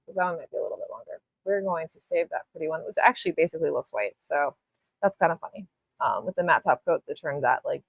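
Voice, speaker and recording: Low, lively woman chatting through a tutorial. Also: vocal fry, no echo. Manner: rambling, chatty and apologetic; casual, with mild swearing. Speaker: nail art tutorial host. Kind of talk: live-stream tutorial chat.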